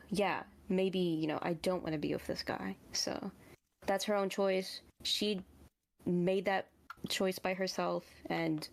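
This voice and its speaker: Low, gravelly young woman rambling casually. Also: darkish tone. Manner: rambling, lots of "you know" and "like". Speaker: moderator co-host. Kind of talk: casual voice chat.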